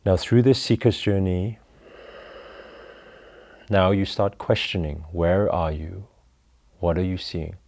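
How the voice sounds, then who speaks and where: Deep mellow guy talking you thru a breathing meditation, slow and calm. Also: creaky. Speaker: meditation guide.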